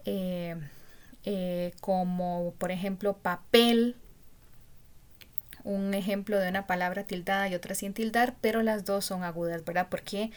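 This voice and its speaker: A woman gives a spelling lesson at an unhurried pace. She pauses often, fills the gaps with soft fillers and keeps checking that her listeners follow. Her pitch sits in an ordinary middle range. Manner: slow, patient, many pauses and fillers; asks "¿verdad?" to check understanding. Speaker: teacher.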